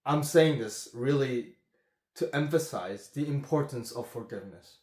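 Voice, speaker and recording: A man's voice: mid-range voice, lively intonation, darkish tone, echoey room. A man speaking as a relationship coach in an earnest coaching monologue, often checking in with "okay?". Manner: slow, earnest, repeats "okay?".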